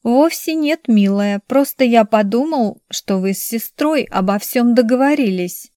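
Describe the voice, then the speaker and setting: A woman voicing a mocking, quietly cruel young man in a slow, sneering, drawn-out way. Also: on the high side, lively intonation, no echo, studio quality.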